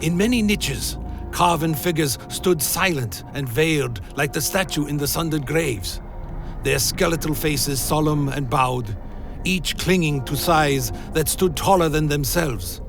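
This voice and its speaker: Male storyteller, solemn dark fantasy narration, gravelly edge, faint musical bed. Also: on the high side, a little slow, over music.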